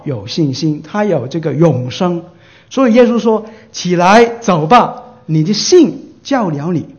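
A man delivers a sermon in a notably high voice. He keeps putting questions to his listeners and answering them himself, and he breaks into livelier voices for quoted exchanges. The recording sounds dull and lo-fi. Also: a little mellow. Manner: acts out short quoted dialogues in livelier voices. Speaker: pastor.

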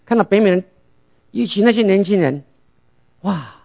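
A man's voice: high-pitched, expressive, normal speed, vocal fry, darkish tone, muffled recording. A male pastor preaching a sermon, asking rhetorical questions and answering them himself.

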